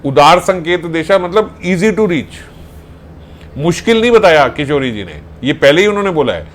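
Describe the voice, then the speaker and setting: Animated male devotional teacher. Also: on the high side, moderate pace, a little hiss or hum. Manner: animated, acts out dialogue between figures. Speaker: spiritual teacher. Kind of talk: devotional scripture discourse.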